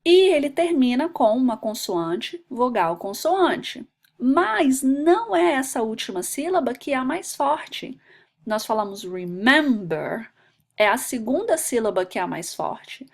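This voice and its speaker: A woman's voice: high voice, sing-song, measured pace, gravelly, darkish tone. A woman teaching English grammar in a video lesson, patient and methodical, spelling out letters one by one.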